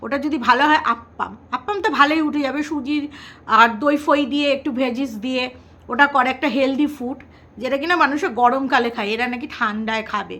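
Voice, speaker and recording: A woman's voice: sits high, a little fast, fairly bright tone. A woman vlogger, chatting to her viewers in a teasing way and repeating words in a sing-song. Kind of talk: casual commentary to viewers.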